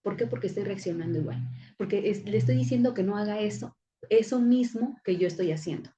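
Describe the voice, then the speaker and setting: Soft-spoken woman lecturing. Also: medium pitch, a little fast. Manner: conversational, many fillers and restarts. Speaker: psychology lecturer. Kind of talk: recorded class lecture with anecdotes. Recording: dull lo-fi recording.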